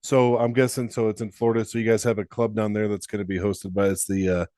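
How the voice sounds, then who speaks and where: Man, podcast host, casual interviewer, restarts sentences, low pitch, dry recording. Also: little pitch movement, fast, mellow, dry recording. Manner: chatty, restarts questions mid-sentence.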